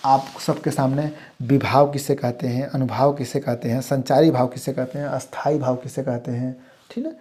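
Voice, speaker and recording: A man from India teaching an exam-prep lesson, who keeps asking whether the class follows and reads lists of terms slowly and clearly. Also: mid-range voice, steady tone, warm tone. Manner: repeats "ठीक ना?" to check the class, stresses each term. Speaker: Hindi teacher.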